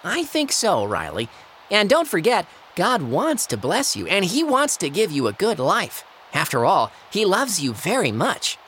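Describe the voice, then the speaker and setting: Brief: cheerful tomato host, bright lively voice, gentle teaching manner. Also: male voice, high voice, a little slow, slight background noise, exaggerated voice. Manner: warm, gently teaching, scripture-quoting. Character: friendly male tomato show host. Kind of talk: cartoon audio play.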